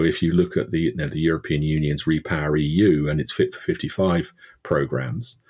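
A UK energy expert appears as a guest and answers an interview question at length in a rumbling low, husky voice. He is thoughtful but full of fillers and restarts.

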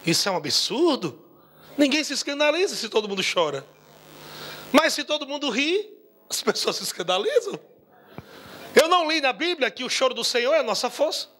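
Man preaching really high bright voice, fervent sermon, laughs a lot, shouts now and then. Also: very animated, a little fast, long pauses, a little hiss or hum.

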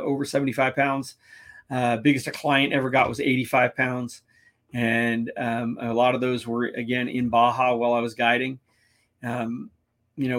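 A man hosting a kayak fishing stream, chatting casually in a rambling, halting way with many restarts, and a little hoarse as his voice gives out. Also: mid-range voice. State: losing his voice. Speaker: kayak fishing show host. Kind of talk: casual live-stream chat.

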